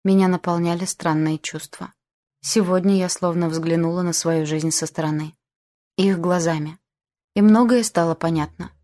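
A woman narrating an audiobook in the first person, with calm, even storytelling. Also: fairly low pitch, normal speed.

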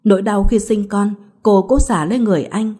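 A woman narrating a romance story in a calm, even storybook reading. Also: medium pitch, moderate pace, husky. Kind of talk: scripted narration.

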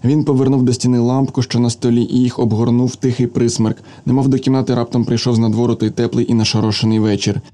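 Guy reading a story out loud, quick pace, steady narration, warm low tone. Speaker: reader. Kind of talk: audiobook reading of a literary story.

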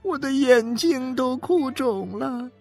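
Brief: woman playing a tearful wife who begs slowly and wails, her voice pitched high, over faint music. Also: animated, full character voice. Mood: pleading tearfully. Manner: wailing, tearful pleading. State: crying. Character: desperate woman pleading for her dying husband. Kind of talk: dramatic reading.

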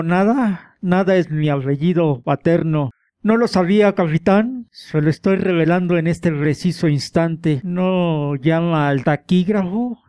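A man's voice: sits high, mellow, clear, resonant tone, no room sound, clean studio sound. A man voicing a tortured male prisoner in a radio drama, sardonic and mocking in his politeness.

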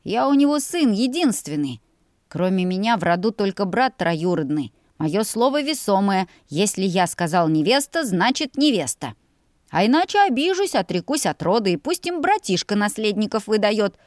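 A woman's voice: mid-range voice, sing-song, normal speed, darkish tone, no room sound, clean studio sound, lightly acted. A woman reading as a proud young dragon suitor. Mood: boastful. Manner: boastful, stubborn.

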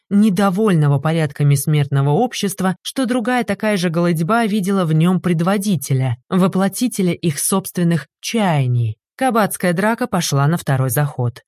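A woman narrating an audiobook in a lively, mocking manner. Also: fairly low pitch, dry recording.

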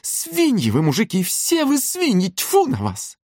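A man reading an audiobook, voicing a fierce old working-class mother who shouts and scolds. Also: on the low side, big pitch swings, a little fast, dry recording, studio quality, voice pushed up. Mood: scolding.

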